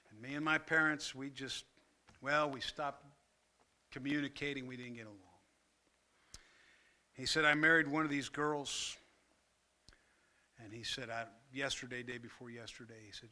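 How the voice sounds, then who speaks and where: Speaking at a church workshop held in a meeting room, a pastor who once served as a fire chaplain shares a heartfelt story. The older man's bright, forceful voice sits at medium pitch, and he frequently pauses, occasionally becoming emotional.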